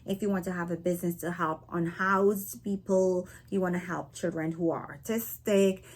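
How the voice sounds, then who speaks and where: Husky Barbadian woman vlogger. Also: lowish voice, steady tone, normal speed. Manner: chatty, frequent "right?" and "okay?" tags. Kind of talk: casual talk to camera. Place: living in North America.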